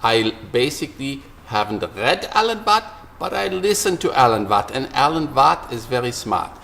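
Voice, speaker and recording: In his self-recorded vlog, a middle-aged artist from Germany rants and rambles with animated self-mockery and repeated phrases. His voice is medium-pitched and creaky, at a normal speed.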